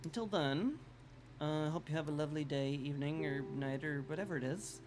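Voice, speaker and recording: Raspy-throated man streaming a game. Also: fairly high pitch, a little fast, background noise. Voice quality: raspy, like a smoker's rasp. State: strained, hoarse throat. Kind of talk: casual live gameplay commentary. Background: music.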